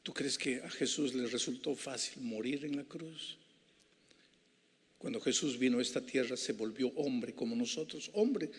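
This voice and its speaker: Husky-voiced preacher in a reverberant hall. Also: male voice, medium pitch, normal speed. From Peru. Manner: dramatic preaching, swings from hushed to impassioned. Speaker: pastor. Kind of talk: evangelistic sermon. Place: large civic center hall.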